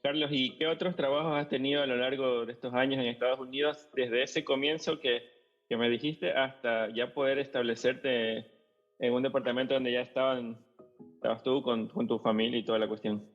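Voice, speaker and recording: A man with an Ecuadorian Spanish accent hosting a podcast, relaxed, asking questions and telling a short anecdote. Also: medium pitch, brisk. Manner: short backchannel replies, relaxed. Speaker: podcast host. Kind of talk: casual chat. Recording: muffled lo-fi podcast audio, faint music.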